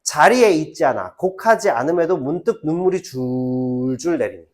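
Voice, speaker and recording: A middle-aged man teaching a high school literature class, chatty and animated, acting out quoted lines in between. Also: moderate pace. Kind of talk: lecture to high school students.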